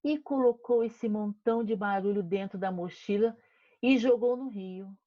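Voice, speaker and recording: A woman's voice: medium pitch, normal speed, dry recording, muffled recording. A woman teacher with a Brazilian Portuguese accent reads a children's story aloud to her class in an online lesson, playing with sound words. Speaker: primary school teacher.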